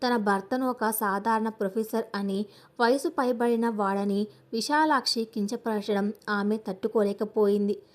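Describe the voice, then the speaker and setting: A woman's voice: mid-range voice, steady tone, unhurried. Woman narrating an audio story. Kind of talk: scripted narration of a family drama.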